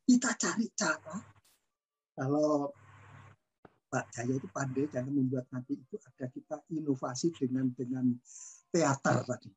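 A man's voice: on the high side, darkish tone, breathy edge, rough recording. An older man from Madura, a language researcher speaking at a panel discussion, wandering from one story to the next with lots of fillers. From Madura, Indonesia. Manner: discursive, digressive storyteller with frequent fillers and laughs.

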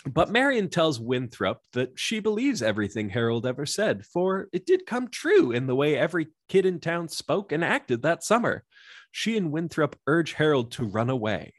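A man's voice: fairly high pitch, big pitch swings, moderate pace, no echo, clean studio sound. A man co-hosting a podcast, recapping a plot and joking in a sarcastic, self-deprecating way. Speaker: podcast co-host. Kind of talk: casual chat and plot recap.

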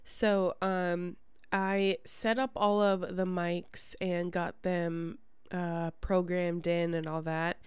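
Slow-talking nasal, congested woman. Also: lowish voice, little pitch movement, clean tone, dry recording, clean studio sound. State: congested from a sinus problem. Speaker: podcast host. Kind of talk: casual chat.

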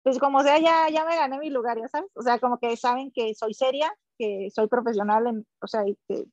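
Mexican woman athlete guest, a bit high-pitched, filler-heavy chat, lo-fi dry remote line. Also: moderate pace, a little mellow, no room sound. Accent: Mexican Spanish. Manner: rambling, many fillers like "este" and "o sea". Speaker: guest, professional triathlete. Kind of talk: casual conversational interview.

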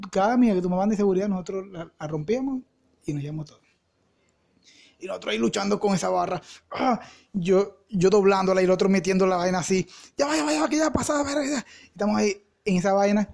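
A young Venezuelan man with a mellow, relaxed tone tells a story on a podcast. He is full of slang and jumps into little voices for everyone in it. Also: high voice, vocal fry. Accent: Venezuelan Spanish. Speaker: podcast co-host. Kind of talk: casual storytelling chat.

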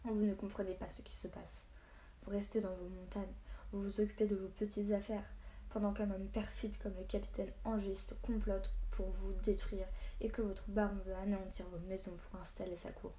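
A woman voicing an imposing warrior man who speaks forcefully in a storybook reading. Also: mid-range voice, little pitch movement, moderate pace, a little hiss or hum, close to an everyday voice. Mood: commanding. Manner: forceful, commanding. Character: imposing male warrior, powerful and scornful.

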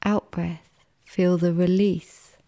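Long pauses mark the speech of a female meditation guide leading a relaxation exercise like a sleep story narrator. Her lowish voice is soft, sometimes breathy, and gentle, with a level, soothing tone.

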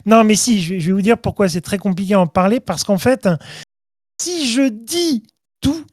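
A man's voice: sits high, fast talker, darkish tone, dry recording, clean studio sound. A man hosting a casual podcast, joking and leading the topics. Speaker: podcast host.

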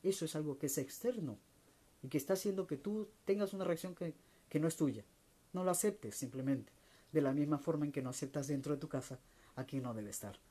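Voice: mid-range voice, fairly quick, mellow. A spiritual speaker answering viewer questions in a reflective talk, often asking rhetorical questions and acting out short everyday exchanges. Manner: asks rhetorical questions, acts out little everyday dialogues.

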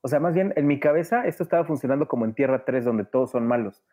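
A man's voice: mid-range voice, animated, quick pace, dark tone. A man, a guest on a podcast, talking at length in a casual discussion and thinking aloud with plenty of fillers. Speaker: guest film commentator.

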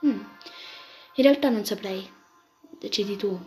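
A woman's voice: mid-range voice, measured pace, dark tone, natural voice. A woman voicing a sweet sixteen-year-old girl in love who speaks affectionately, with music playing behind. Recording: background music throughout.

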